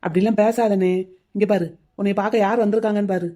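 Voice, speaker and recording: A man voicing a quick, coaxing young helper. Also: sits high, steady tone, mellow, natural voice. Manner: coaxing, hurried.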